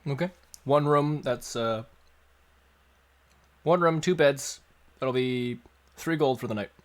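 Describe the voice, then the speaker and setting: A man running a tabletop game on a stream, explaining rules in a relaxed, joking way with fillers. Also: mid-range voice, slow pace. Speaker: game master.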